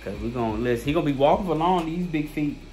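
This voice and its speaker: Over loud music, a man hosting a casual home family vlog teases a baby with cooing baby talk and then turns to talk directly to viewers. His voice is fairly high and expressive, and he speaks at a quick pace.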